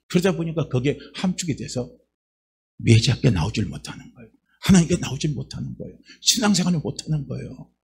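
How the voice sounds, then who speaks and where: A man, the church's pastor, preaching a lively sermon and putting rhetorical questions straight to his congregation. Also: medium pitch, gravelly, breathy edge. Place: church sanctuary.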